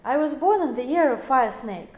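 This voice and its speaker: A woman's voice: high voice, animated, normal speed, a little mellow. A woman in her forties giving an explanatory lecture, speaking English as a with many fillers and self-corrections. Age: 40s. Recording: echoey room.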